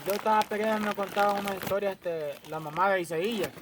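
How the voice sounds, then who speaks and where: A man's voice: high voice, fast, background noise. A man with a Salvadoran accent chats at a campfire and remembers ghost stories from his childhood. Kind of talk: casual chat. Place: outdoors by a campfire.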